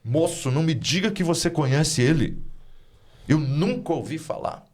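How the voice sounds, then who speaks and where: A man's voice: fairly high pitch, expressive, moderate pace, a little mellow, pitched above the performer's own voice. A man voicing a bewildered old farmer. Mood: astonished. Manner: plain, rustic and puzzled.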